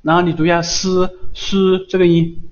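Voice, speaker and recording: A man's voice: high-pitched, flat delivery, normal speed, highs cut off. A man teaching Japanese pronunciation in an online class, patiently repeating syllables many times over a computer mic.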